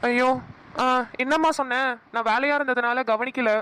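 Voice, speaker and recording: A woman's voice: sits high, fairly even intonation, moderate pace, a bit bright, clean tone. A woman voicing an irritated young man on a phone call in a cartoon. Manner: irritated, exasperated. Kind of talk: cartoon voice acting.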